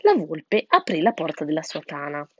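A woman reading a children's animal story aloud in a lively, expressive way. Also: low-pitched, normal speed, muffled recording, slight background noise.

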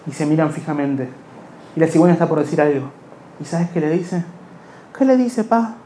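A man's voice: a little high, steady tone, brisk, mellow, slight background noise. A young man with a Rioplatense accent telling a long stand-up comedy story in a rambling, self-mocking way. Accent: Rioplatense Spanish. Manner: rambling, self-mocking, slips into quoted voices.

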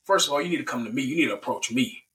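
A man's voice: mid-range voice, lively intonation, very fast, bright, forceful tone, distant mic. A man voicing Adam as a young man who talks in casual slang and gets defensive and panicky. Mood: pleading.

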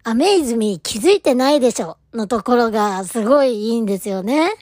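A woman's voice: fairly high pitch, expressive, a little fast, darkish tone, no room sound, studio quality. A woman talking casually to camera as a fan, gushing and rambling about her favorite idol, sometimes dropping almost to a whisper. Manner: gushing, rambling, drops to near-whisper at times. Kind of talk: casual solo talk to camera.

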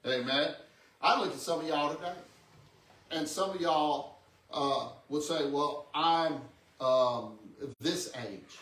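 Slow and a bit bright, a fairly high-pitched male voice carries a sixty-something pastor's conversational teaching sermon. He keeps repeating words and asking "amen?" and "okay?" The mic is distant and the space echoes.

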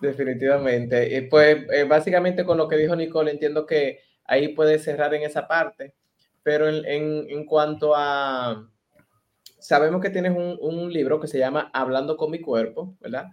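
A man co-hosting a podcast, asking questions with many pauses and restarts. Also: on the high side, fairly even intonation, muffled recording. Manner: hesitant, many fillers and restarts. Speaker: podcast co-host. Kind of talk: casual interview talk.

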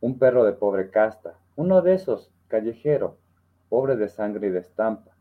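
A man's voice: lowish voice, very animated, normal speed, narrow, tinny audio. A man, talking reflectively about a poem with many tag questions, then reciting it. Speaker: participant reading a poem. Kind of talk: casual literary discussion and poem recital.

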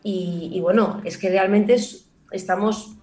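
A woman with a medium-pitched, slightly slow voice speaks with a Barcelona Spanish accent; she was born in Granada and raised in Barcelona. She is a comedy writer and performer appearing as a guest in a casual interview conversation. A lively storyteller, she laughs often and restarts her sentences many times.

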